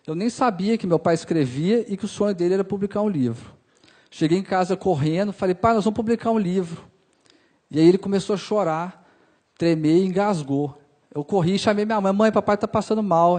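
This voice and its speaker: A young man with a Brazilian Portuguese accent, telling a personal story on stage and acting out the dialogue with emotion. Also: high-pitched. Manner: emotional, acts out dialogue, drops soft for sad parts.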